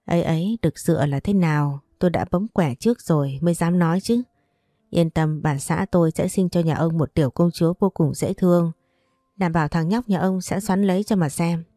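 A woman's voice: lowish voice, a little fast, warm tone, dry recording, clean studio sound, natural voice. Woman reading as a cheeky joking young man. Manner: jokey, boastful.

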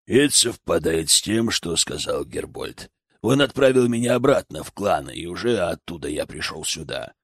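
A man doing a low, grave frank ally. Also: animated, moderate pace, husky, no echo, studio quality, exaggerated voice.

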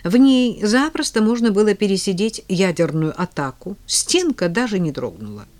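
A woman narrating a comic novel in the first person, with a wry, brisk storytelling manner. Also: mid-range voice, sing-song, a little mellow. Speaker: audiobook narrator.

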